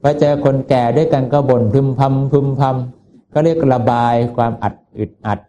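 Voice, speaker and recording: Mellow-voiced man giving a folksy sermon. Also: mid-range voice, normal speed, dull audio, slight background noise. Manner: folksy, conversational, with rhetorical questions. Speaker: Buddhist preacher.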